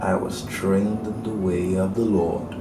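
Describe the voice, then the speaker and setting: An actor playing a menacing, unhinged male captor who taunts, laughs and bursts into shouting. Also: sits low, little pitch movement, unhurried. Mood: mocking. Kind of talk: low-budget drama acting. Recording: echoey room from far off with music.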